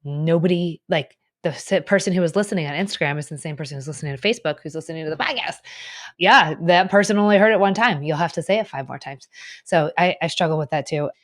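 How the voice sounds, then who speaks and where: A woman's voice: low voice, fast talker, no echo, clean studio sound. A woman hosting a podcast interview, speaking conversationally and affirming her guest. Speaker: podcast host.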